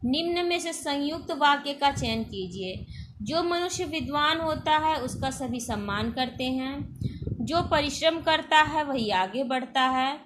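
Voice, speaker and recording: Woman teacher, exam-prep lesson, measured reading of options, high voice, faint noise. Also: expressive. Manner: measured, reads options aloud one by one.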